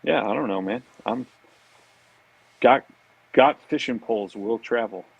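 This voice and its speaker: This American podcast guest, a marketer in the fishing industry, keeps the casual chat relaxed and informal, repeating agreement words. He speaks unhurriedly at medium pitch, gravelly with a breathy edge, in a muffled recording that has no echo.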